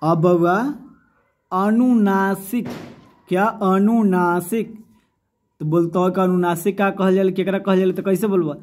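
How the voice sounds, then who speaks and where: A man's voice: high voice, steady tone, moderate pace, a little mellow. A man teaching a grammar lesson, explaining by asking his own questions and repeating each term. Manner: mixes Hindi with a Bhojpuri-like dialect, calls pupils "bauaa".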